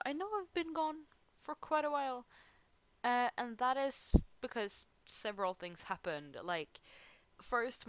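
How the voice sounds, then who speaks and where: A Swedish woman speaks English as a second language with a Swedish accent, chatting casually as she draws for her art channel. Her voice is on the low side and a bit bright, captured dry through a headset mic close to her mouth. She rambles, giggles, and pokes fun at herself often.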